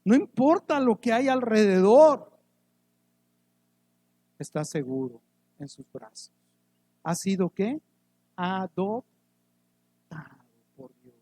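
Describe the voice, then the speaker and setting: A man preaching a sermon as pastor, swinging from loud emphatic rises to soft quiet drops, asking the congregation questions, with touches of humor. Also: high-pitched, very animated, takes it slowly, long pauses. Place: church.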